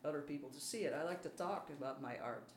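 In a casual interview, a mature artist with a Belgian accent talks fast in a low-pitched voice, sounding hesitant and self-deprecating. She grew up speaking French, German and Dutch, and the recording is roomy with a faint hum of background noise.

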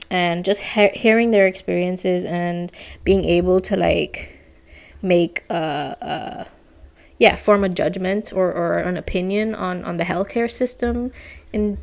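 Breathless pregnant woman chatting casually. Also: on the low side. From Saint Martin, Caribbean. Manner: chatty, many fillers like "like" and "you know". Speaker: podcast host. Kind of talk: casual personal update.

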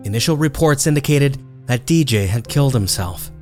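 A man hosting a podcast, reading a grave, measured true-crime narration. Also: medium pitch, animated, a little mellow, soft background music. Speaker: podcast host.

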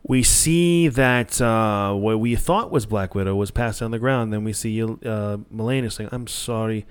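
A man's voice: on the low side, moderate pace, smooth. A man hosting a podcast, recapping a movie in a casual, rambling way, swearing freely and restarting his sentences. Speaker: podcast host.

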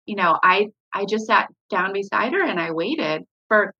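A woman's voice: mid-range voice, lively intonation, moderate pace, husky, lo-fi sound. A woman, a mother, talking candidly in an interview about her parenting, with many fillers and restarts. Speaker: parent guest sharing her story.

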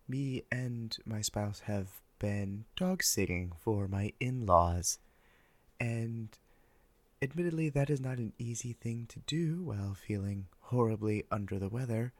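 An older man hosting an ASMR podcast, speaking softly and whispering close into the ear in a wry, deadpan ramble. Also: fairly low pitch, dry recording. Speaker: podcast host. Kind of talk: soft ASMR podcast monologue.

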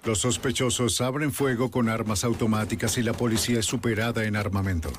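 A man's voice: lowish voice, fairly even intonation, brisk, a little hiss or hum. A man narrating a crime documentary in a dramatic, scripted style. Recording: music bed under the voice. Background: dramatic background music.

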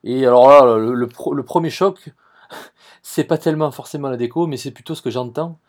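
A man's voice: mid-range voice, normal speed, darkish tone. A podcast host with a Marseille accent who tells travel stories enthusiastically, repeats words and restarts his sentences, and talks straight to his listeners. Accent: Marseille French. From southern France. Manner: enthusiastic, addresses listeners directly. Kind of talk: travel storytelling.

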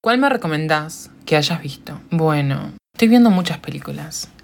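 A woman's voice: low voice, lively intonation, moderate pace, creaky. A woman with a Uruguayan accent hosting a solo podcast, rambling and joking, answering her own questions and laughing often. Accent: Uruguayan Spanish. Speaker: podcast host. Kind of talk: casual solo podcast chat.

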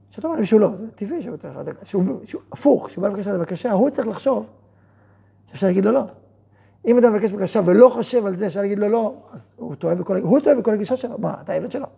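A rabbi's voice thick with gravel and fry, deeply husky and rough at the edges, with a mellow, dark tone. He gives a Torah lesson, acting out both sides of everyday conversations with himself and firing off rhetorical questions. Between those exchanges he settles into quieter explanation. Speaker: rabbi and yeshiva head.

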